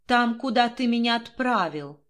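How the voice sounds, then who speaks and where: A woman voicing the ghost of a dead young woman, slow, calm and coaxing. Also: fairly high pitch. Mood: stubborn.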